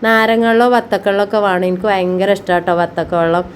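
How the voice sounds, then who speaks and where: A middle-aged woman, talking warmly to her viewers as if to her own children about her household work, with frequent tag words. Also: mid-range voice, steady tone, fast, slight background noise. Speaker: family vlogger. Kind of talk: homey chatty voice-over about housework.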